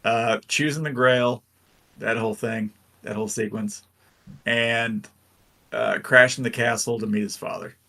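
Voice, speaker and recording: A man's voice: medium pitch, fairly even intonation, a little slow, creaky, bright, forceful tone. A man co-hosting a podcast, chatting casually and enthusiastically about a film with lots of fillers. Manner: rambling, enthusiastic, many fillers. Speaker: podcast co-host. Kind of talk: casual movie review chat.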